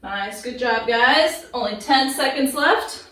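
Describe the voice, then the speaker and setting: A woman's voice: fairly high pitch, expressive, slow pace, fairly bright tone, slight background noise. A woman leading a workout class in fitness influencer style, giving instructional, encouraging cues and counts. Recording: echoey room, distant microphone.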